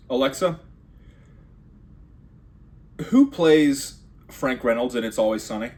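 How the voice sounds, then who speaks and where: A man doing a rambling comedic monologue, sarcastic with deadpan asides. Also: mid-range voice, normal speed.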